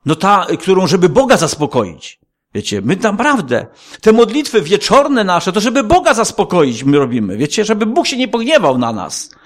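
A man's voice: high-pitched, very animated, normal speed. A male pastor preaching a sermon in a conversational style, with frequent rhetorical questions. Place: church.

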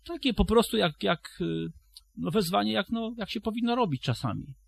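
A man's voice: high-pitched, animated, moderate pace, vocal fry, dry recording. A man preaching a sermon to a congregation, retelling a story and then addressing his listeners directly, often restarting his phrases.

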